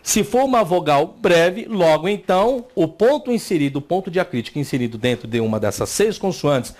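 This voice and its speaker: A man's voice: on the high side, expressive, a little fast, a little mellow. A Brazilian man teaching a recorded Hebrew lesson, explaining step by step and asking and answering his own questions. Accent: Brazilian Portuguese. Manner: voices students' questions to himself.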